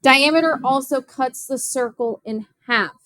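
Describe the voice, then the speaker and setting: A woman's voice: sits high, measured pace, bright, forceful tone, no room sound. A young woman math teacher giving a classroom geometry lesson, explaining step by step and often asking her students questions.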